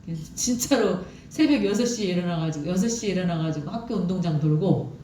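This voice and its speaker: A woman preaching a sermon, chatty and loose, with many pauses and fillers as she shares her own story. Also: fairly low pitch, animated, dark tone. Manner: conversational, with many fillers and personal testimony. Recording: echoey room from far off, faint noise.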